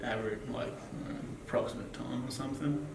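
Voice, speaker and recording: A young Australian man in his twenties speaks a little fast at medium pitch. Guesting on a casual interview, he rambles, swears and leans on fillers, and the sound is echoey, far off and noisy.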